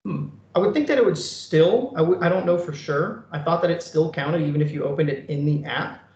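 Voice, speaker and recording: A man giving an informal, conversational software demonstration in an online meeting. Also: fairly high pitch, brisk. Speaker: presenter of a software demo. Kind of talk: informal screen-share demonstration for a work group. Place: online meeting recording from an echoey room. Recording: echoey room, dull online meeting audio.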